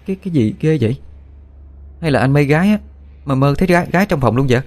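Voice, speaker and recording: A man voicing a cheeky, pushy young woman student in an audiobook, raising his voice into a high, sing-song girlish tone. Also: lively intonation, quick pace, a little mellow, natural voice. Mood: teasing. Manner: teasing, wheedling. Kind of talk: audiobook character voice.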